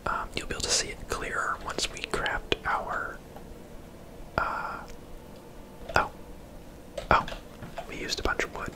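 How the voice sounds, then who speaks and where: A video game streamer and host whispers casual, chatty game commentary ASMR-style, close to the microphone, at a measured pace with long pauses, often rambling off into asides.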